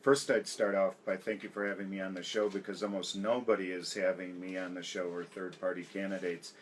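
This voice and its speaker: A man's voice: low voice, flat delivery, a little fast, a little hiss or hum. An American man speaking emphatically as a political candidate in an interview, listing grievances. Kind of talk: campaign interview.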